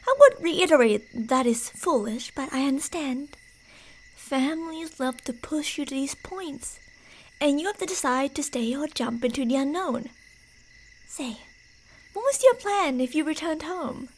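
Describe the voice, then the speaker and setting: In an ASMR horror roleplay, a woman plays a creepy, teasing, delusional yandere stalker narrating her prey's path, playful and menacing and slipping into whispers. Her voice sits high, animated and a little slow. The recording is low quality, with a little hiss or hum.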